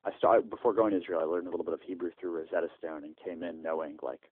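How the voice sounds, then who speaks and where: A man speaks in a very low voice over a landline phone, and the line sounds thin and tinny. The sound is dry and close. He answers in a halting way, with many "uh" fillers and restarts. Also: steady tone, husky, no room sound. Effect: heard over a landline phone. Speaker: startup founder interviewed by phone.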